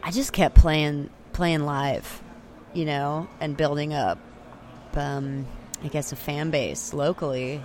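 Speaking slowly in a low, dark voice, a young woman from Austin, Texas, a singer-songwriter, is a chatty interview guest who keeps saying "like," uses plenty of fillers, and restarts often. She was recorded at a remote spot on a portable handheld recorder with external mics, with slight background noise.

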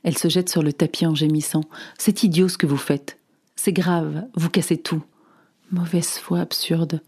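A woman giving a literary reading, with lively, exasperated delivery of the dialogue. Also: sits low, normal speed, husky. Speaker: reader.

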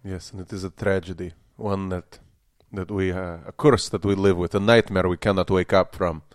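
A man's voice: sits low, fairly even intonation, moderate pace, no room sound, clean studio sound, lightly acted. A man playing a pompous, fanatical Russian sour cream promoter with a heavy Russian accent and a solemn, faintly menacing manner, as a guest in a comedy interview. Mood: mournful.

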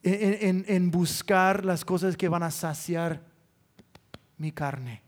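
Brief: male pastor, high voice, candid self-deprecating sermon storyteller. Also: slow. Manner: candid, self-mocking storytelling with quoted prayers.

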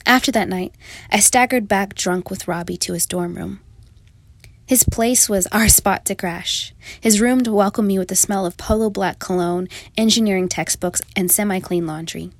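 A woman's voice: medium pitch, normal speed, no room sound. A young adult woman reading her own first-person story in a reflective, confessional manner. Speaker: narrator. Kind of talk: first-person memoir narration.

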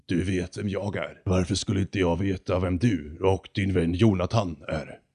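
A man voicing an arrogant male talking condor in a storybook reading, with a deep, hoarse voice and a slow, haughty, lecturing manner. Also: steady tone, a little mellow.

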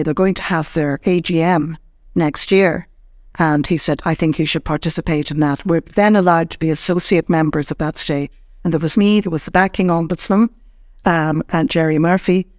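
An older woman from Ireland, a former ombudsman, recounting her career in an interview with measured, halting phrasing and many restarts. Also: sits low, a little mellow, dry recording, studio quality. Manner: measured, searching for words with frequent restarts. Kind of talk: reflective interview storytelling.

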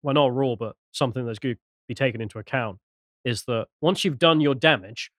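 A man co-hosting a live podcast, quick and wry as he steers the chat. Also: mid-range voice, fairly bright tone, no echo, studio quality. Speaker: podcast co-host. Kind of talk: casual banter on a live stream.

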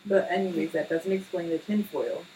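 A woman's voice: on the low side, steady tone, moderate pace, dark tone, a little hiss or hum, low-quality recording. A young woman co-hosting a podcast, casual and chatty, dropping short dry jokes. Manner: dry quips and short interjections. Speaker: podcast co-host. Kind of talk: casual chat.

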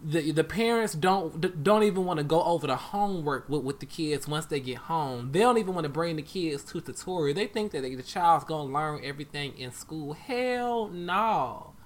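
A dance coach co-hosting a podcast chats casually in a slightly high, animated voice at a moderate pace, with hardly any pauses. He's emphatic and a little preachy, repeating himself to hammer his point home.

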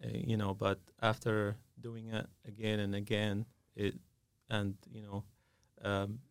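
A man's voice: lowish voice, monotone, a little slow, clean tone, no echo. A man, a dentist talking as a guest in a podcast studio, hesitant and full of fillers. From Syria. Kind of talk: casual interview.

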